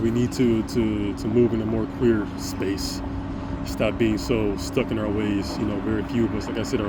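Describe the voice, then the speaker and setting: Loud traffic and air-conditioning noise run throughout as a male vlogger with a deep voice talks casually to camera. His monologue is earnest and rambling, full of restarted sentences and frequent stammers.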